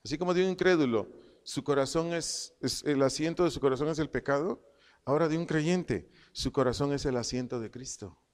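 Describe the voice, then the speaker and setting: A man preaching a Bible-study sermon to a congregation, repeating key phrases slowly as if dictating notes and asking his listeners questions. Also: fairly high pitch. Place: church hall, also streamed online. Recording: long hall reverb.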